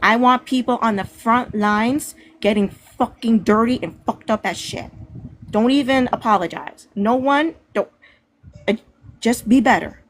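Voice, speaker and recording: A woman's voice: fairly high pitch, unhurried, slight background noise. Blunt, fiery woman speaking out. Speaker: panel discussion participant. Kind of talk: impassioned live discussion.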